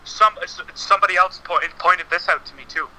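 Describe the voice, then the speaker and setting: Man heard over speakerphone, bright tone. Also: high voice, low-quality recording. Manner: hesitant, halting, many fillers and restarts. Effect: heard over a phone on speakerphone. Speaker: podcast guest. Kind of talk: casual chat about wrestling games.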